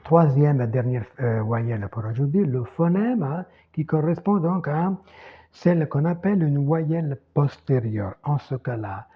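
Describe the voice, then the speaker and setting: A man teaching a language lesson at a board, slow and methodical, repeating example words. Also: a little high, breathy edge. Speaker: Italian teacher. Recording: tinny phone-like sound.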